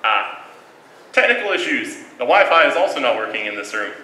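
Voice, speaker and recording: A man with a bright, forward voice runs a tabletop game panel as host. The room rings a little and there is faint noise. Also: medium pitch, very animated, brisk. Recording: roomy sound with faint noise.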